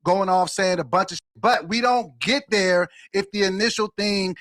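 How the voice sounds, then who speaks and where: A man's voice: sits high, moderate pace, a bit bright, no room sound, studio quality. A man co-hosting a podcast who patiently argues and explains his view in a casual debate. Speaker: podcast co-host.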